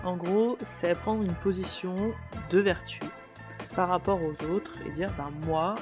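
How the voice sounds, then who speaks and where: A woman's voice: lowish voice, a little slow, music in the background. Chatty woman podcaster, a little tired. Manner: chatty, with frequent fillers. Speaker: podcast host. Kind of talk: casual commentary monologue.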